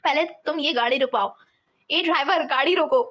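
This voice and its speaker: A woman's voice: high-pitched, a little fast. A woman doing a fiery, headstrong young woman. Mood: defiant. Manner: defiant, shouting.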